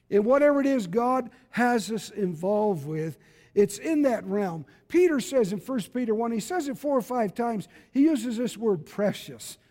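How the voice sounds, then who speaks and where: A man of about seventy, with a high, darkish voice, preaches a fervent evangelical sermon. He exhorts emphatically and repeats phrases for weight, in a reverberant hall with a long echo.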